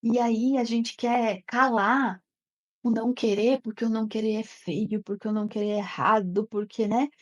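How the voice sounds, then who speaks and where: A woman's voice: fairly high pitch, steady tone, moderate pace, muffled recording. A woman teaching an online class in a conversational way, often checking in with her listeners. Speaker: therapist teaching an online course. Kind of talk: live online class talk.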